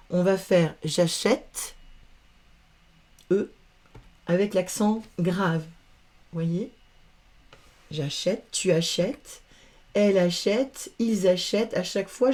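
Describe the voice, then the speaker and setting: A woman's voice: medium pitch, warm tone. A woman teaching verb conjugation in a patient, careful lesson, spelling out letters and sounds one by one. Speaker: French grammar teacher. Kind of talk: slow, careful grammar lesson.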